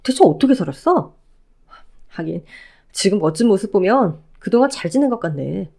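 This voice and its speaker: A woman's voice: medium pitch, expressive, moderate pace, vocal fry, warm tone. A wheedling, self-pitying ex-husband, as a woman reads him in an audio drama. The voice rises and falls widely as he whines and pleads. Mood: pleading. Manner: pleading, whiny. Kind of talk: Korean audio drama reading.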